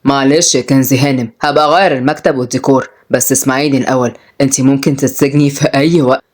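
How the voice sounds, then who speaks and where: A woman voicing a calm, cold middle-aged male lawyer who explains things in a cool, lowered voice. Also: quick pace.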